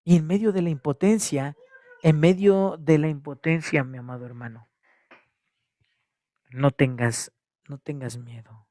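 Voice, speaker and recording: A man with a Mexican Spanish accent, preaching a sermon at a church service, repeating his phrases and swinging between loud exhortation and hushed tones. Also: fairly high pitch, fairly even intonation, a little slow, pauses often, dry recording, studio quality. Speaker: pastor.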